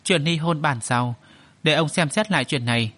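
A man voicing a cautious elderly grandfather in an audio story, speaking deliberately. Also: on the high side, pushed and bright. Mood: hesitant.

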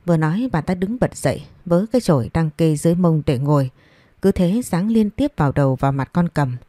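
A woman's voice: sits low, lively intonation, fairly quick, warm tone, no room sound, studio quality. A woman reading a story aloud, voicing every character in her own voice. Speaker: story narrator. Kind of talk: audiobook narration with dialogue.

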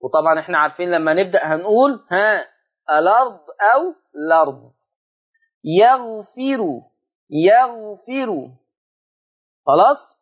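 A man's voice: high voice, lively intonation, fast talker, fairly bright tone, breathy edge. A man with an Egyptian accent teaching Quran recitation rules on a television lesson, explaining step by step and drawing out words to demonstrate. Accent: Egyptian Arabic. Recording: dull lo-fi broadcast audio.

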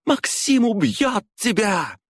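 Male narrator voicing a young noblewoman, high and shouting, defiant, dry audiobook. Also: big pitch swings, takes it slowly, no room sound, full character voice. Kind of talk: audiobook character voice.

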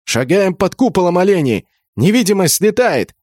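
A man's voice: sits high, very animated, normal speed, a little mellow, no echo, studio quality, voice pushed up. A man voicing a cocky veteran guild leader who barks crude orders in an audiobook. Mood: bossy. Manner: barking orders, crude, commanding. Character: commanding veteran guild leader, adult male, bossy and cocky. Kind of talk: audiobook character voice.

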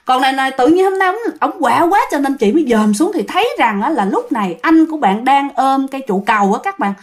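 High-voiced Southern Vietnamese storyteller woman. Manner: chatty, addresses listeners, many repeats. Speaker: ghost story narrator. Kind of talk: casual spoken ghost story.

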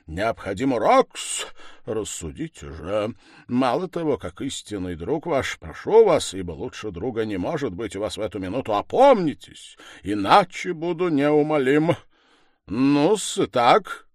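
A man's voice: medium pitch, big pitch swings, measured pace, no echo, clean studio sound, voice pushed up. A man voicing a pompous, scheming middle-aged lawyer with an unctuous, formal manner. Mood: pompous, insistent. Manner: unctuous, formal, rising insistence.

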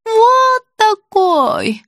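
A frail, confused old woman pleads in a high, quavering voice, as a woman narrator puts her on. She draws her words out slowly and swings widely in pitch, rising to anguished cries. The sound is close and dry. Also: big pitch swings, fairly bright tone, no room sound, heavily acted. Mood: distraught.

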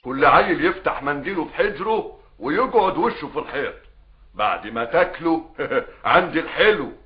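An actor playing a stern Egyptian sheikh who gives orders to schoolchildren. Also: male voice, on the high side, lively intonation, moderate pace, natural voice. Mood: commanding. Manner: commanding, scolding. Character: stern male sheikh teaching village children. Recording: dull lo-fi TV soundtrack.

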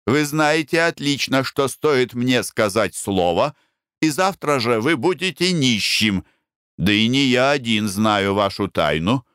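A man voicing a blunt, mocking middle-aged army captain who speaks slowly and scornfully. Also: mid-range voice, expressive, a bit bright, clean tone, no echo, studio quality. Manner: slow, scornful and threatening.

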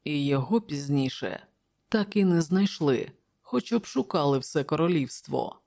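A woman narrating an adventure audiobook in a steady, measured way. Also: low voice, vocal fry.

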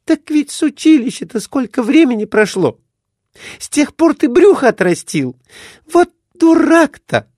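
A shrill scolding wife. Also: female voice, big pitch swings, unhurried, a little mellow, no room sound, clean studio sound, heavily acted. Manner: scolding, exclaiming.

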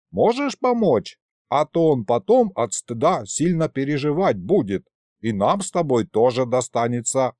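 A man plays a sly ancient ghost sorcerer in an audiobook. He bargains and needles, and his pitch leaps around. The sound is dry and close. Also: a little mellow, no echo. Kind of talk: audiobook character voice.

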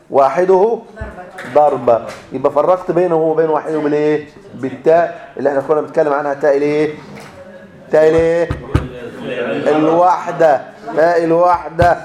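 A man with an Egyptian accent lectures on grammar in a fairly high voice, drilling each rule with questions that he often answers himself. His voice rings around an echoey classroom. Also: a little mellow. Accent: Egyptian Arabic. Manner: drills students with repeated fill-in questions, then answers himself. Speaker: grammar teacher. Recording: echoey room.

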